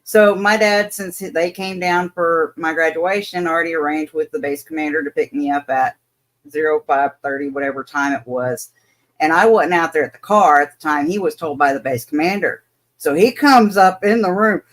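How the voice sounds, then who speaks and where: Woman, air guard veteran, casual storytelling, frank, brisk. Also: sits low, steady tone.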